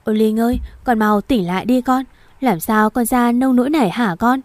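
Grieving middle-aged mother, read by a woman narrator, audio novel, mellow tone. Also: on the high side, moderate pace, no room sound, natural voice. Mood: anguished. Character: grieving middle-aged mother wailing over her daughter.

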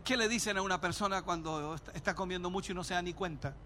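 A man preaching as a pastor in an emphatic sermon, often shouting and acting out little scenes. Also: high-pitched, fast talker, slight background noise.

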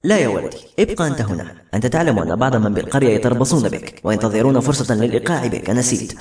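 A man's voice: medium pitch, animated, darkish tone, far from the mic, natural voice. Narrator as a stern, fatherly older man. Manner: firm and measured. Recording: echoey room with music.

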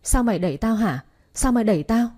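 Woman putting on a young grieving mother, sobbing, screaming, husky, high-pitched. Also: expressive, fast, warm tone. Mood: wailing. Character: young pregnant woman, wailing after losing her baby.

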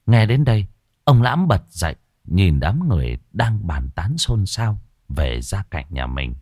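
A man's voice: deep voice, sing-song, measured pace, a little mellow, no room sound, studio quality. A man narrating a ghost story in a dramatic, scripted storytelling way. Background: faint music.

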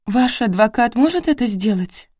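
A weepy young woman, defensive and desperate, her voice pushed high and loud as she sobs through each line, as a woman reading the story puts her on. Dry, close audiobook sound. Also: expressive, normal speed, no room sound. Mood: tearful, desperate. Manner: sobbing, pleading, high and strained. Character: tearful young woman, distraught widow, defensive.

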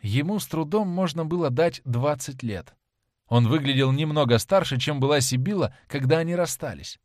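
A man giving a dramatic, expressive scripted narration of a novel into a close mic. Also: a little high, moderate pace, dry recording. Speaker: audiobook narrator.

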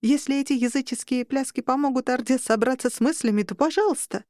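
A commanding female vampire marshal speaks calmly and with condescension, as a woman reading a story voices her. Her voice rides a little higher, and the recording is dry. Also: fast, no echo, natural voice. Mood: cool. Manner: condescending, calm.

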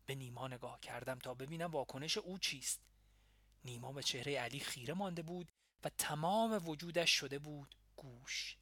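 A man narrating a first-person memoir audiobook in a steady, reflective way. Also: mid-range voice, dry recording.

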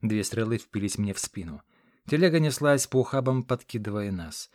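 A man narrating a first-person fantasy audiobook in a measured, dramatic reading. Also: lowish voice, animated, a little mellow, no room sound. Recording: dry close studio sound.

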